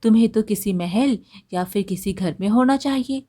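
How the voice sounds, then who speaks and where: A woman voicing a brave, poor young village woman who talks in sharp, indignant questions. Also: mid-range voice, normal speed, close to an everyday voice. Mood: curious.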